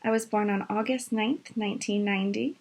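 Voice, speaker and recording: A woman in her twenties from Maine, telling her own story in a casual, animated way, with many fillers and quick rushes of words. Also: medium pitch. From Maine, USA. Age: 20s.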